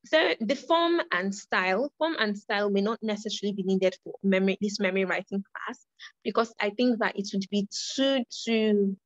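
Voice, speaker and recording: A woman's voice: mid-range voice, normal speed, no echo, dull audio. Earnest woman teaching a writing workshop. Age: young adult. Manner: earnest, repeats and restarts phrases. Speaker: creative writing workshop facilitator.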